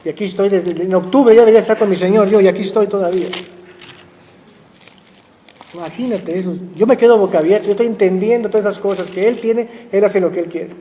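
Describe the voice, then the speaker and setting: A man preaching a sermon as pastor, emphatic and full of rhetorical questions, slowing down to read scripture. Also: high voice, warm tone, big-room sound. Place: church sanctuary.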